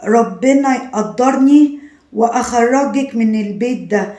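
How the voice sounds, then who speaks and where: A woman with an Egyptian accent voicing a soft-spoken, apologetic young husband. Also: fairly high pitch, a little slow, natural voice. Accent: Egyptian Arabic. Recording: roomy echo.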